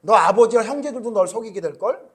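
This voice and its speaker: A pastor voicing a stern, chiding God. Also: male voice, sits high, expressive, brisk. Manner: blunt, chiding rhetorical questions. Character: stern demanding male God challenging a prophet.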